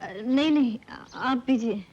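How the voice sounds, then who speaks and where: A woman's voice: a little high, slow, husky. An actress playing a proud, stubborn young woman in a 1970s Hindi film, who talks curtly. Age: young adult. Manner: curt and refusing, then tearful. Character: proud stubborn young woman who later weeps over lost love. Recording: dull old film soundtrack with music.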